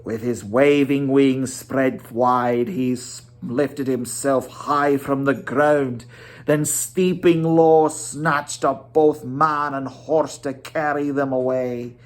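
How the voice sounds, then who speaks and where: A storyteller giving a dramatic storybook reading, with theatrical, weighty delivery and drawn-out emphasis. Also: medium pitch, fairly even intonation.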